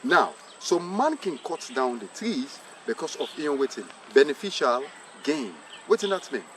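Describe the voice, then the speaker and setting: A man's voice: fairly high pitch, sing-song, moderate pace. A man with a Sierra Leonean accent hosting an educational program in an emphatic, repetitive way. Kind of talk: educational presenting, mixing Krio and English. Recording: clear outdoor traffic noise.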